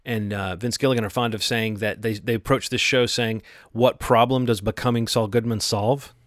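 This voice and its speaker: A man's voice: lowish voice, fairly even intonation, normal speed, dry recording, studio quality. A man co-hosting a casual television recap podcast, talking in an analytical, thoughtful way with occasional laughs. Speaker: podcast co-host.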